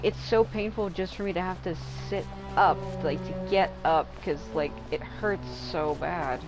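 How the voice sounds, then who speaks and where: A low-pitched woman streams gameplay, offering casual, rambling let's-play commentary that is candid and full of swearing. The audio is poor, and game music plays behind her voice.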